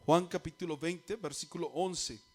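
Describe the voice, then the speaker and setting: A male preacher giving a sermon, often asking the congregation questions and letting them finish his lines, then building up to louder, more urgent appeals. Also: on the high side, fairly even intonation, moderate pace. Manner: call-and-response questions to the congregation; grows louder and more urgent toward the end. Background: faint music.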